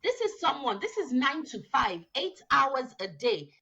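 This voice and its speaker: A woman's voice: high voice, big pitch swings, a little slow, pushed and bright, lo-fi sound. A woman from Nigeria co-hosting a casual chat, making earnest points and drawing on the Bible. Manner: earnest, preachy, cites the Bible. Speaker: co-host.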